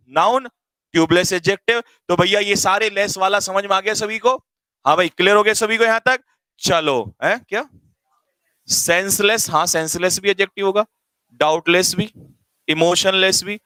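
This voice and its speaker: A man teaching an online English grammar class, quizzing students rapid-fire in a teasing, energetic way. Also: sits high, dry recording, poor audio.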